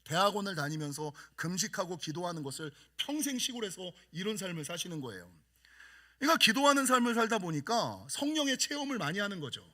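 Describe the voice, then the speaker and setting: A middle-aged man preaching a sermon from the pulpit of a church. His voice is bright and high, and he tells personal stories with self-mocking humor. The delivery stays lively and conversational throughout. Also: a little fast. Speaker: senior pastor.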